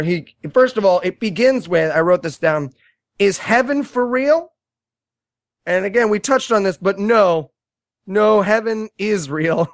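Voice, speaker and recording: A man recapping a movie on a comedy podcast, sarcastic and animated, mocking the characters with quoted voices. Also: high voice, dry recording. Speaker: guest movie reviewer.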